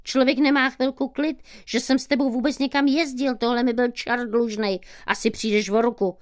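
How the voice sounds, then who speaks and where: A woman voicing a hysterical, panicky small man in glasses, yelling frantically in a read-aloud story. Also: fairly high pitch, fairly even intonation, voice pushed up, lightly acted.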